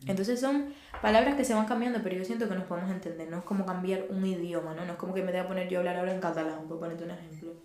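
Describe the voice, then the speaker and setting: Brief: young Cuban-accented woman, warm mellow tone, lively storyteller, roomy echo. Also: on the low side, racing. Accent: Cuban Spanish. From Cuba. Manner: animated storyteller, acts out quoted dialogue. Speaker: podcast guest. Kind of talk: casual chat.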